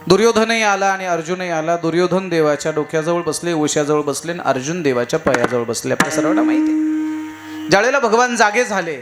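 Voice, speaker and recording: A man giving a devotional kirtan sermon. He tells stories, quizzes the crowd and coaxes them to answer. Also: sits high. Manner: lively, asks the crowd questions and coaxes answers; storytelling with acted dialogue and emphatic swings. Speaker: kirtan preacher.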